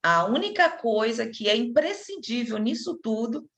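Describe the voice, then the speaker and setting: A woman's voice: fairly high pitch, expressive, normal speed, a bit bright, reverberant. A woman leading a spiritist study group, explaining patiently with fillers and restarts.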